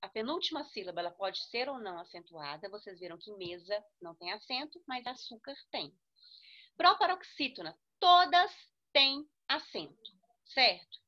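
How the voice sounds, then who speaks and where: A Brazilian woman with a bright, slightly high voice leads a grammar lesson, leaning on each stressed syllable and asking "right?" as she goes. The recording sounds dull and lo-fi. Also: big pitch swings, normal speed. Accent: Brazilian Portuguese. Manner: instructive, with frequent check-ins and spelled-out syllables. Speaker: teacher.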